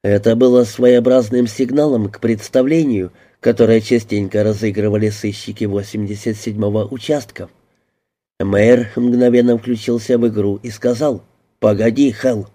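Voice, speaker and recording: A man narrating an audiobook in a measured storytelling manner. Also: on the low side, fairly even intonation, mellow.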